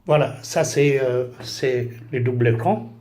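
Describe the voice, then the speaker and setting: Measured and mellow, this mid-range male voice belongs to a camera gear vlogger who grew up speaking Italian. His casual tutorial on setting up a camera monitor is halting, peppered with fillers and false starts.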